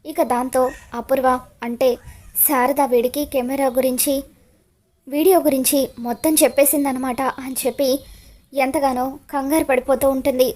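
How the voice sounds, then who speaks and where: A woman's voice: sits high, fairly even intonation, normal speed, warm tone. A woman narrating a dramatic recap of a TV serial, stringing scenes together with repeated linking phrases.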